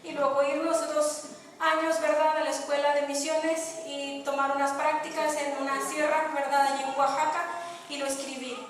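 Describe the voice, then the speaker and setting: A woman's voice: high voice, level tone, normal speed. A woman giving an earnest, emotional personal testimony in church. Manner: earnest, emotional, frequent tag questions. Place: church sanctuary. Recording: echoey church hall, voice from far off.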